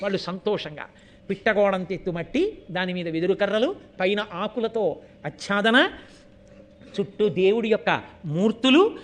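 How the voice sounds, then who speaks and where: High-voiced man giving a scripture discourse. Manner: animated storytelling, chanting Sanskrit verses; swings between loud emphasis and hushed asides. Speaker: spiritual discourse speaker.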